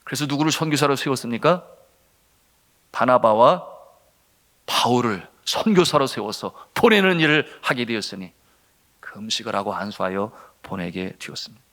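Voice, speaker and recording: A middle-aged man, a senior pastor, preaching a sermon with a personal testimony, speaking to the congregation directly and moving between loud urgency and hushed tones. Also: medium pitch, expressive, moderate pace. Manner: impassioned, swinging from loud to hushed, addresses the congregation.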